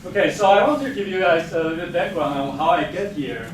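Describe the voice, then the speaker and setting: Chuckling often and poking fun at himself, a geophysics professor born in Taiwan speaks English with non-native grammar in a casual faculty talk. His voice is high-pitched, with lively intonation and a fairly quick pace, while the distant mic leaves the lecture hall recording very echoey and noisy.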